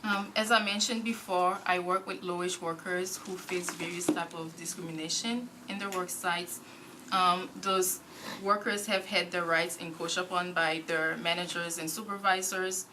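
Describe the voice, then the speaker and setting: A young woman from Haiti answering interview questions as a board nominee, measured and full of small pauses. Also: on the low side, steady tone, background noise. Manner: measured, frequent ums. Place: council committee room.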